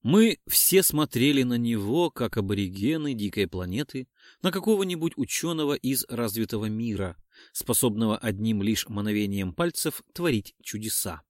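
A man narrating a first-person sci-fi audiobook in an expressive, dramatic telling. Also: medium pitch, normal speed, no room sound, studio quality.

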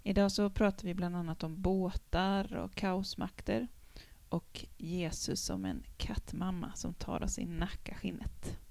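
Gravelly-voiced woman hosting a podcast. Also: lowish voice, expressive, darkish tone. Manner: friendly, conversational with fillers. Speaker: podcast host. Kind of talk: casual theology podcast chat.

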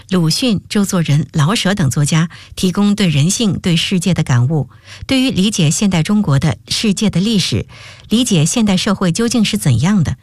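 A woman host reading a story aloud for radio in a measured, composed scripted narration. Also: fairly low pitch, a little mellow, dry recording, clean studio sound. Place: radio studio.

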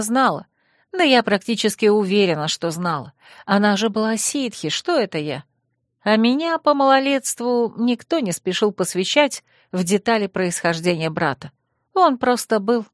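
Woman, audiobook narrator, first-person narration, even storytelling, dry close sound. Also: mid-range voice, dry recording.

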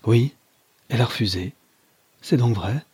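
A man reading a novel aloud, voicing a possessive older mother who speaks slowly and insistently. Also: mid-range voice, darkish tone, slightly rough, no room sound. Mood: coldly insistent. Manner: slow, measured, insistent. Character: Madame Daliphare, cold possessive mother, slow and deliberate.

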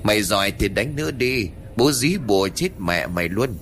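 A man voicing a brash, foul-mouthed young village man who shouts and taunts, in a spoken horror story. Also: lowish voice, lively intonation, normal speed, a little hiss or hum. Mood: taunting.

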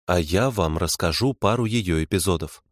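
A man voicing a calm woman investigator who lays out facts softly and pointedly. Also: deep voice, moderate pace, no echo, studio quality.

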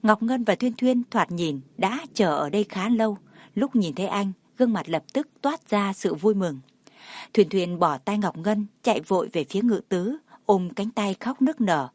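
A woman reading a novel aloud in steady, even scripted narration. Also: mid-range voice, normal speed, dry recording. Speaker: audiobook narrator.

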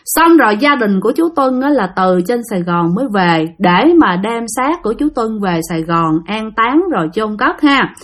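A woman's voice: on the high side, lively intonation, moderate pace, few pauses. A woman with a Southern Vietnamese accent telling a ghost story in a chatty, conversational way, often trailing her phrases.

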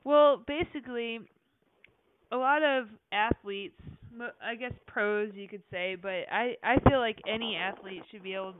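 A woman's voice: on the high side, normal speed, dry recording. A young woman co-hosting a podcast, chatting casually with fillers and frequent laughs. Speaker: podcast co-host. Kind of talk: casual chat. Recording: tinny phone-like sound.

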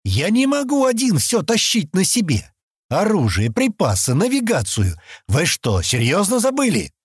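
A man putting on a hot-tempered shouting expedition leader. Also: high-pitched, wildly swooping pitch, normal speed, breathy edge, dry recording, clean studio sound, pitched above the performer's own voice, full character voice. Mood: exasperated. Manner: shouting, exasperated.

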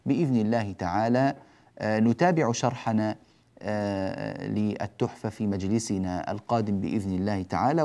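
A man's voice: fairly low pitch, vocal fry, warm tone. Man explaining Quranic recitation rules. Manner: slow demonstrative recitation of examples; explanatory, addresses students directly. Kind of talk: religious lesson on tajweed.

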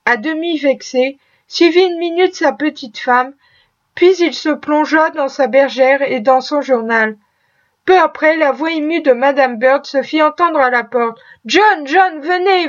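A female audiobook reader delivers scripted narration in a high voice, measured and expressive, on a muffled lo-fi recording.

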